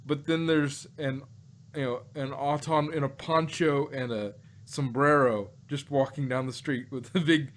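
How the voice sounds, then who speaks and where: A podcast host reviewing an audio drama, this man speaks at medium pitch with a steady tone and measured pace. He jokes casually and rambles through stories as he goes.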